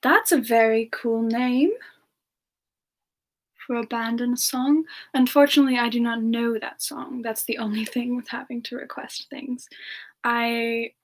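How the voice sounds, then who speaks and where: In a soft-spoken in-character Q&A with an ASMR feel, a streamer voices a gentle, courteous demon woman with frost powers who was reborn from long ago and remembers nothing. She sounds gentle and apologetic, hesitant, sometimes whispering. Her voice is on the high side with fairly even intonation and a measured pace.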